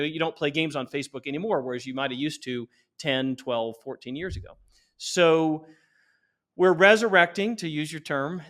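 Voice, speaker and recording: A man in his forties, a company founder appearing as an interview guest, explains and pitches earnestly in a conversational style. His voice is a bit bright, and he often restarts his sentences.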